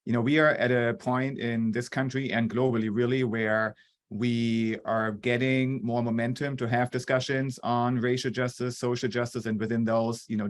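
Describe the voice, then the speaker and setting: A man with a mid-pitched voice speaks as an academic guest. He lays out his points fluently and with emphasis, in an analytical tone. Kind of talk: analytical discussion.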